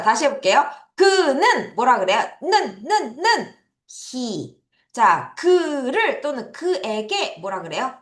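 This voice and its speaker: A woman teaching vocabulary to children in a high, lively voice that swings widely in pitch. She drills each word slowly, stretching it out for the children to repeat, and laughs often. The room gives the voice a noticeable echo. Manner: lively, drawn-out call-and-response drilling. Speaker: English teacher.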